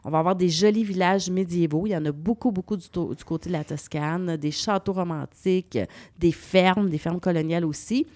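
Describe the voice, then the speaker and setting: Québécois woman, travel columnist, dry close sound, lively explainer. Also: on the low side, a little fast, no room sound. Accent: Québécois French. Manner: lively, explanatory, spells out place names. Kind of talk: radio travel segment.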